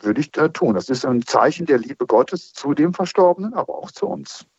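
A man's voice: a little high, expressive, moderate pace, lo-fi sound, slight background noise. A man, a priest, patiently answering listeners' questions on a radio call-in show, thinking aloud with many fillers. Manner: thoughtful, explaining with many fillers.

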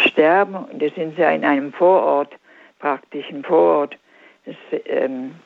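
An older woman calling in to a radio show, asking her question hesitantly and haltingly over the phone. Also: low-pitched, vocal fry, dry recording. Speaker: caller. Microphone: telephone. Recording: tinny phone line.

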